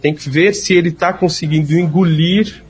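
Man, speech therapist, husky and slightly high voice, patient explainer. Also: fairly even intonation, moderate pace. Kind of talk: explanatory interview answers.

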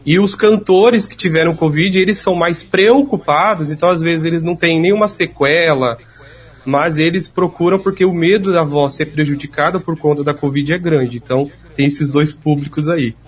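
Man, speech therapist, husky and slightly high voice, patient explainer. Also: normal speed. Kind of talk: explanatory interview answers.

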